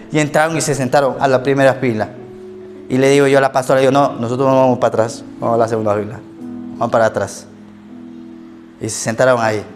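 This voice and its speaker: A man preaching a sermon as pastor of a church, telling stories about himself with humor. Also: a little high. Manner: storytelling with self-mocking anecdotes and laughter. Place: church service.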